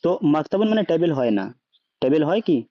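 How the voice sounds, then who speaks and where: A fast-talking man with a fairly high, lively voice runs a language class, asking students questions and repeatedly making sure they keep up. He blends English words into what he says, recorded dry with a dull lo-fi sound.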